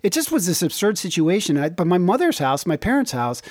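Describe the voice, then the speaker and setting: Thoughtful man, lively higher voice. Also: dry recording, clean studio sound. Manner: thoughtful, halting, many fillers. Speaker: band member. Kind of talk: casual reflective conversation.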